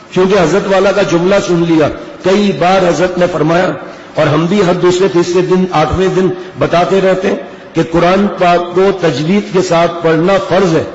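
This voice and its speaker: An older man giving a religious sermon in an earnest manner, asking rhetorical questions and acting out quoted dialogue. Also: sits high. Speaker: religious scholar giving a talk. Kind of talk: Urdu sermon. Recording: echoey hall, slightly dull sound.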